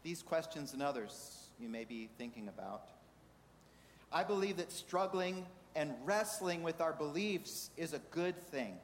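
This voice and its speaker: A man preaching a sermon in a measured way, asking the congregation rhetorical questions. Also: fairly high pitch, animated, a little hiss or hum. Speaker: pastor. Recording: reverberant hall with faint ambience.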